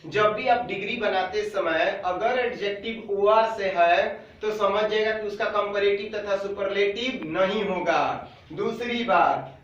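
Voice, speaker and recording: A man's voice: high-pitched, measured pace, fairly bright tone, heavy reverb, recorded from a distance, lo-fi sound. A man teaching English grammar to students, repeating each point and answering his own questions. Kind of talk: explaining grammar rules to students.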